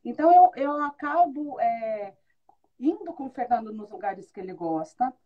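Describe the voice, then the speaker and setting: On a narrow, tinny recording, a woman with a voice on the high side talks at normal speed. She's in a casual conversational interview about motherhood, lively and good-humored, acting out quoted dialogue in her stories and laughing often.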